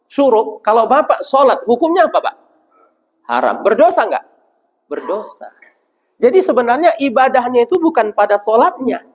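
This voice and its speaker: Male preacher, high and animated voice, quizzing the congregation in a reverberant hall. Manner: asks the audience questions and answers them himself; addresses listeners as Pak. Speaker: ustaz preacher. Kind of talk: religious lecture to a congregation.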